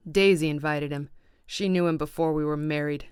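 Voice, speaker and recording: A woman reading the part of an arrogant, brusque wealthy man in an audiobook, loud and demanding. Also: low-pitched, fairly even intonation, normal speed, clean tone, dry recording, clean studio sound, natural voice. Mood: harsh.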